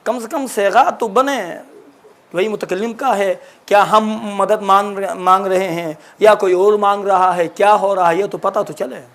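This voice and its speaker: A man's voice: high-pitched, fairly even intonation, a bit bright. A man teaching the rules of Quran recitation, answering a student's question and explaining with repeated examples. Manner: explanatory, repeats and corrects himself. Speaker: religious teacher.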